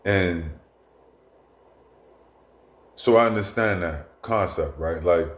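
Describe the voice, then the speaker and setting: A man's voice: low-pitched, slow pace, echoey room. A man talking bluntly in a casual monologue as a commentator, with frequent restarts and asides. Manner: blunt, profane, repetitive with many asides and restarts.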